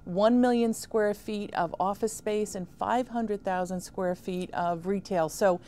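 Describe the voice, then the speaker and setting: A woman in her fifties, a town supervisor answering questions in a studio interview, speaking in a measured, emphatic way on a lapel mic. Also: mid-range voice, warm tone. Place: small studio set with armchairs.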